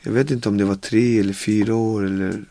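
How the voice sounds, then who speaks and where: A man's voice: lowish voice, vocal fry, no echo. En man i fyrtioårsåldern från Karibien som berättar sin historia i en intervju, livligt och med många utfyllnadsord. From Caribbean. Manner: animated retelling with acted quotes and many fillers. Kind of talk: casual storytelling. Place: home with dogs.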